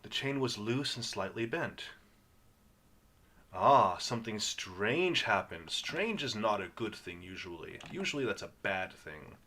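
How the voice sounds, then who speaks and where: A man teaching English reading to learners, sounding out words patiently and repeating them in a slow guided lesson. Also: fairly low pitch, very animated, bright, forceful tone.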